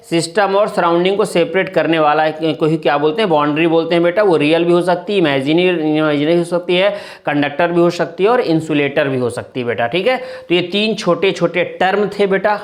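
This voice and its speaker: A man's voice: sits high, brisk. A male chemistry teacher giving a classroom lecture in with terms, calling students "beta" and asking and answering his own questions. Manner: calls students "beta", asks and answers his own questions, often says "thik hai na".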